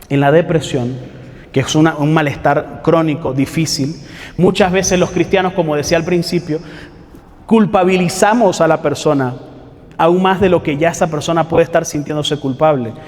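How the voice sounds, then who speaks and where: A man's voice: high voice, big-room sound. A man preaching a sermon, talking conversationally with rhetorical questions and mocking quotes of what people say.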